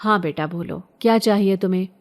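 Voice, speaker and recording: A woman voicing a brisk, scolding middle-aged aunt. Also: mid-range voice, close to an everyday voice.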